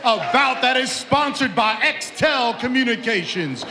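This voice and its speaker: A man's voice: very high voice, expressive, sharp tone. A man announcing fighters like a boxing ring announcer, ceremonially drawing out names over an echoey arena sound system. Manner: drawn-out, ceremonial delivery of names. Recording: echoey arena public address.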